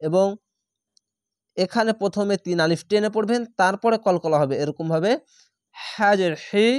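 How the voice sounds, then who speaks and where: A man with a high voice teaches Quran reading. He spells each syllable and then stretches out the recited word. The sound is dry and close, with no room echo. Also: moderate pace.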